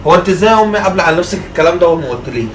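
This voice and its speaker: A man playing an indignant young husband who shouts and scolds in defense of his mother, with an Egyptian accent. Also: sits high, expressive, very fast, echoey room, far from the mic, slight background noise. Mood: angry. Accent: Egyptian Arabic.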